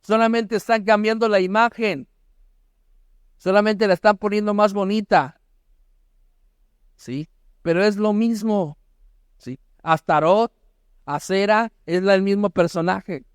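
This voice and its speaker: A middle-aged male pastor preaching a sermon, emphatic, with rhetorical questions and bursts of shouted exhortation. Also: high voice, measured pace, pauses often, clean tone, no room sound, clean studio sound.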